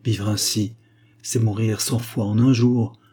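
A man's voice: fairly low pitch, level tone, a little slow, mellow, breathy edge. A man voicing a lovesick young man who speaks with vehement anguish.

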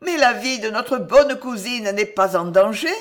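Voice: medium pitch, lively intonation, a little slow, pitched above the performer's own voice, close to an everyday voice. A narrator voicing a scheming queen mother who feigns grief and gives urgent commands in an audiobook reading. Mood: falsely sweet.

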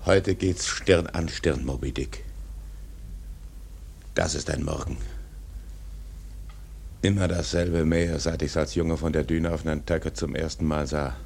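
An actor playing an obsessed, doomed old whaling captain in a radio drama, brooding and commanding with a gravelly voice. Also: male voice, very deep voice, fairly even intonation, unhurried, pauses often, darkish tone, full character voice. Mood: brooding, weary.

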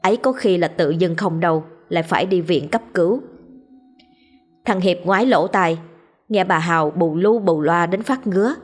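Husky woman telling a ghost story. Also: lowish voice, moderate pace, faint music behind. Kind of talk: scripted horror narration.

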